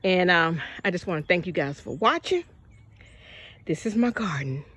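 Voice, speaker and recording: A woman's voice: on the low side, expressive, moderate pace, a bit bright, breathy edge. Breathless older woman touring her garden. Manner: chatty, folksy, addresses viewers as y'all. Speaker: gardening vlogger. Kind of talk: casual garden walkthrough. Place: outdoor backyard garden.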